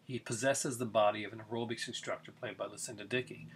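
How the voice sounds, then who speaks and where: This middle-aged collector reviews films in a casual webcam video from his living room, talking eagerly and rambling with many fillers. His lowish voice is fairly even in intonation and quick, and the close webcam catches slight background noise.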